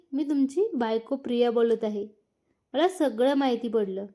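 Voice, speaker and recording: A woman's voice: high voice, dark tone. A woman voicing a young wife who is hurt and accusing, read as a storybook. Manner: accusing, emotional. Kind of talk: storybook narration.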